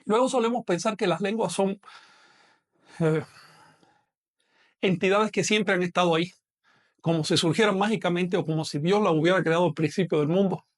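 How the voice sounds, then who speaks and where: In an online lecture, a man with a fairly high voice teaches a language lesson. He speaks in a measured, patient way and slows right down each time he models a sound.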